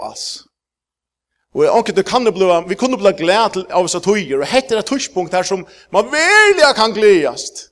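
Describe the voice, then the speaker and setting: Emphatic preacher, man. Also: fairly high pitch. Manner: halting with many fillers, rising to emphatic peaks. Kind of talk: sermon.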